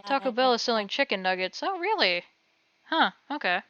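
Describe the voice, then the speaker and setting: A woman with a high, bright voice chats casually while playing a game. Music sits behind her. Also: fairly quick. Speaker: game player reading dialogue aloud. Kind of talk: casual playthrough commentary. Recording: dull, lo-fi mic under game music.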